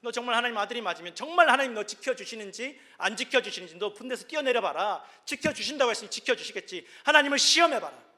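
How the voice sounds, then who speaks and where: A pastor voicing a sly, coaxing male devil who mocks and wheedles, rising to shouts. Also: very high voice, expressive, fast talker, few pauses, pitched above the performer's own voice, exaggerated voice. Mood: taunting.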